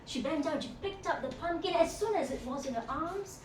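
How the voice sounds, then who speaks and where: A woman telling a folktale live to listeners, expressive, with sing-song chanting and repetition. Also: high voice, brisk. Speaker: storyteller. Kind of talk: live participatory folktale storytelling. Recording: echoey room, distant mic, noisy background.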